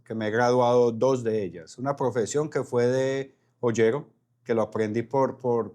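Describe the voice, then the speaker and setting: A man's voice: medium pitch, darkish tone. A man, a podcast guest telling his story with frequent restarts and repeated words. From Colombia. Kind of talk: casual interview conversation.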